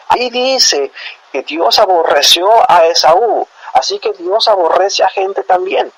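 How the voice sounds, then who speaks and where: A man preaching a sermon as pastor, explaining scripture to his congregation in a lively, animated way. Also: mid-range voice, poor audio. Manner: animated preaching, addresses listeners as brothers. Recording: radio broadcast.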